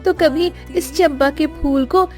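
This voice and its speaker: A woman's voice: high voice, slow, faint music behind. A woman voicing a playful, teasing younger sister in a cartoon story, with a cheeky way of talking.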